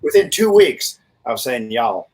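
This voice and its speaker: A man from Western New York with a softened accent, telling jokey stories in a casual video call chat. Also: mid-range voice, fairly quick, poor audio. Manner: storytelling, jokey. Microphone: video call microphone.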